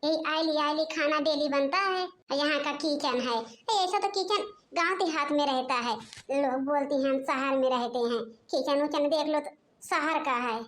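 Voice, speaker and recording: A woman's voice: high voice, moderate pace, fairly bright tone. A woman voicing a sassy, picky young daughter-in-law from the city in a cartoon, complaining and talking back. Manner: complaining, snappy.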